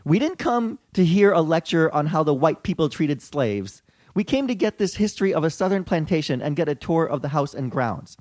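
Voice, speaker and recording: A man's voice: a little high, very animated, fairly quick, darkish tone, no room sound. A man doing a huffy complaining woman tourist. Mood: indignant. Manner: mock-indignant reading aloud.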